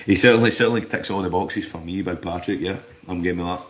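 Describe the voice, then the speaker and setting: Very deep-voiced man, slightly dull recording. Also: quick pace. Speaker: football podcast panellist. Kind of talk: casual chat. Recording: dull lo-fi audio.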